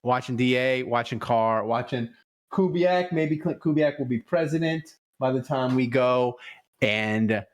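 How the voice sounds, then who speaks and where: A man's voice: medium pitch, a little slow. A man hosting a casual live-stream show, full of joking, self-mocking banter. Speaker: show host.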